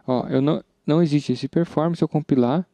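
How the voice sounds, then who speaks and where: A man's voice: on the high side, brisk, mellow, dry recording. A man with a Brazilian accent teaching programming in a casual screen-recorded tutorial, chatty and informal, thinking aloud as he works. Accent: Brazilian Portuguese. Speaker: programming instructor. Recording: dull, slightly lo-fi sound.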